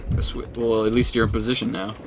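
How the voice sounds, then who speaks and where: A man's voice: on the low side, level tone, quick pace, noisy background. A young man joking and riffing while his friend plays a video game. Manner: silly, wisecracking. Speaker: co-commentator. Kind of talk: casual gameplay commentary.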